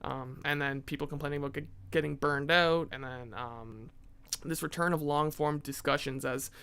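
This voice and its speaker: Gravelly, smooth-voiced man chatting wryly. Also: on the high side, steady tone, normal speed, bright, forceful tone. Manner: wry, talks in asides with tag questions. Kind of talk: casual podcast conversation.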